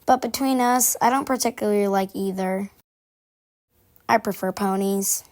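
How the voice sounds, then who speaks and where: A woman's voice: medium pitch, normal speed, darkish tone, lightly acted. A woman voicing a prim, busy, gossipy game character who confides in formal phrasing, aloof but chatty. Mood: gossipy, confiding. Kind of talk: scripted character monologue.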